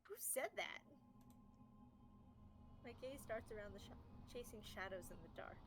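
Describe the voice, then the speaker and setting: A woman streamer reading a romance game aloud live, with animated, excitable reactions. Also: mid-range voice, normal speed, noisy background. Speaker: streamer reading a visual novel. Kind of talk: live game playthrough with narration. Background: game music.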